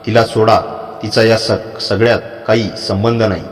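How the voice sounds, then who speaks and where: A man voicing a calm, protective older father-in-law who speaks softly and steadily, with a long hall reverb on the voice. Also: fairly low pitch, moderate pace, lightly acted. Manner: calm, steady, soft-spoken.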